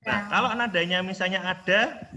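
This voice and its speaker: Over a laptop video call, this Indonesian-accented primary teacher patiently draws answers from his class and sings the scale notes. His high voice sounds pushed and bright at normal speed, with soft music playing in the background.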